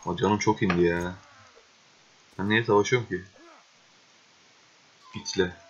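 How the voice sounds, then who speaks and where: A young man giving casual gameplay commentary, swearing and exasperated, with excitable outbursts. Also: low-pitched, a little slow, slight background noise. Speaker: gaming video host. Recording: dull lo-fi recording.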